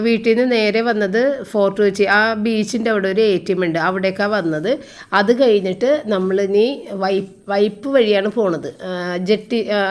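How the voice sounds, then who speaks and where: A middle-aged housewife chatting casually to her viewers while riding in a car, with drawn-out filler sounds and frequent asides to the audience. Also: medium pitch. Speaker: vlogger and housewife. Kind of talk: casual vlog narration. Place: inside a car on a road trip.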